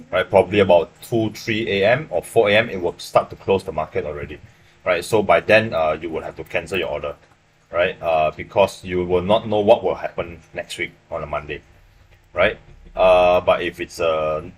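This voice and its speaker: Young man, Malaysian English accent, very deep voice, faint hum, casual live-stream trading talk, keeps asking "right?". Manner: casual, explanatory, checks in with "right?" often. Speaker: livestream forex trader. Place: small room indoors.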